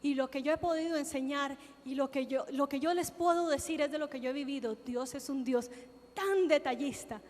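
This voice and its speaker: A woman's voice: high voice, normal speed, a little mellow. A woman from Colombia, giving a sermon testimony and acting out her own prayers and conversations as she tells them. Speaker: preacher. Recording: long reverb of a large hall.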